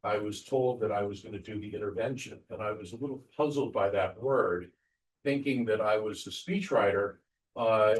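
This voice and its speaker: Low-voiced man moderating from a distance. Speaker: panel moderator, former speechwriter. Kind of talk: measured introduction with anecdotes. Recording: distant mic with faint room noise.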